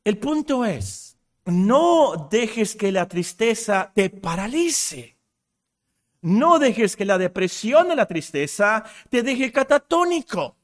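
A man's voice: sits high, big pitch swings, takes it slowly. A man preaching a sermon with passion, repeating short phrases to drive points home.

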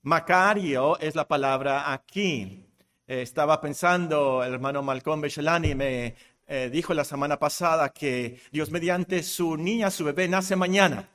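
A man giving a sermon as pastor, explaining slowly with many fillers and restarts and rising in force to stress his points. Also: fairly high pitch, a bit bright.

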